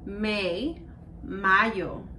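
A woman teaching children in a bilingual lesson, repeating each word slowly in a sing-song way. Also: medium pitch, fairly even intonation, bright, forceful tone, roomy sound, far from the mic, slight background noise. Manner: slow, sing-song repetition of words for children.

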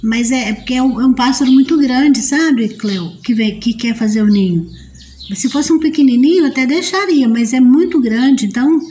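A woman's voice: sits high, moderate pace, dark tone, slight background noise. A woman with a Brazilian Portuguese accent hosting a casual live stream from home, chatting with viewers and reading their comments aloud. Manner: chatty and homely, talks straight to viewers as friends. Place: at home near her potted plants. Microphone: phone streaming live.

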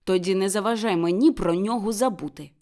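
A woman's voice: mid-range voice, a little fast, warm tone, natural voice. A woman voicing a grumpy, miserly old man who answers curtly and scornfully, read aloud in a storybook. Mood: grumbling. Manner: gruff, curt and scornful.

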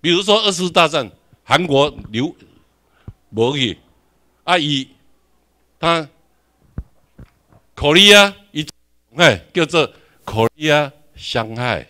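A man's voice: a little high, animated, slow, long pauses, sharp tone. A man with a Taiwanese accent giving a classroom lecture, questioning the audience and repeating his points.

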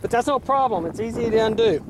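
A man giving a relaxed, casual fishing how-to while out on a pontoon boat, filled with uhs. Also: extremely high pitch, quick pace. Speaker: fishing vlogger. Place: pontoon boat on a windy lake, outdoors. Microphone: handheld camera mic. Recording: heavy wind and boat noise on mic.

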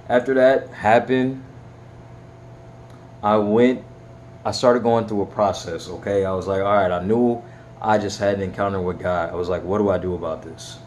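A man's voice: deep voice, darkish tone, a little hiss or hum. Earnest young man sharing testimony. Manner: earnest, heartfelt, rambling with restarts. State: voice cracking. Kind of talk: personal testimony vlog.

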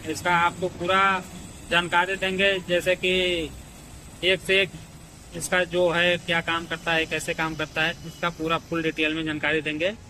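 A young male mechanic with a fairly high, bright, forceful voice talks through engine parts one by one in a casual how-to vlog. He keeps addressing his viewers as "guys" and speaks into a phone held close, outdoors in front of a shop with faint street noise behind him. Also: low-quality recording. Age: young adult. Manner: explains step by step, often saying "guys" and "jaise ki". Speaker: motorcycle mechanic.

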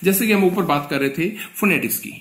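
A man from northern India teaches an exam-prep lesson, asking questions and answering them himself while addressing the students with a polite "ji" throughout. His voice is slightly high, fast, and fairly bright, and the room is echoey.

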